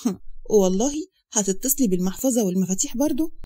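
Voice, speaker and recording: A stern young hotel manager with an Egyptian accent, read by a woman storyteller. He scolds in a gruff, impatient way at a quick clip. The voice stays mellow and a little high. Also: animated, no echo. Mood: mocking. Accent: Egyptian Arabic.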